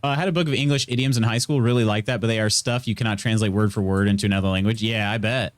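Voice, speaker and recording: A man's voice: fairly low pitch, fairly even intonation, very fast, dry recording. A man with a Midwest American accent tinged with Southern, chatting casually as he streams a game, rambling and joking as he reads out comments. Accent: American Midwest with some Southern. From Indiana, US Midwest. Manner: jokey, rambling, reading viewer comments aloud. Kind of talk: casual live gameplay chat.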